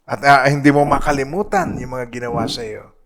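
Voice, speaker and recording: A man preaching a sermon as pastor, swinging between hushed asides and loud emphatic rises, often checking in with the congregation with rhetorical questions. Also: medium pitch, steady tone, fairly quick, a crowd in the background.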